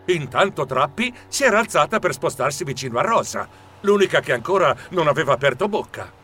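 A man narrates a children's story with theatrical flair. His voice is bright and lively, swinging widely in pitch, and sits a little high for a man. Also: fairly quick, soft background music. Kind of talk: expressive audiobook narration.

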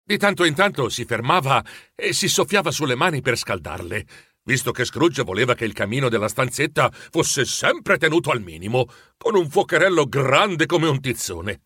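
A man narrating a storybook in an expressive, animated way. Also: medium pitch, moderate pace, breathy edge.

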